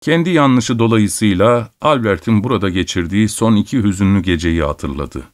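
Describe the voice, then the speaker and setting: A man narrating a classic novel as an audiobook in a steady, literary reading voice. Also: lowish voice, moderate pace. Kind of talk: scripted narration.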